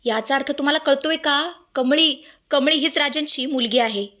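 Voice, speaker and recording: A woman's voice: high-pitched, normal speed, sharp tone. A woman voicing a scheming middle-aged woman with a sly, urgent manner, in a storybook-style serial recap.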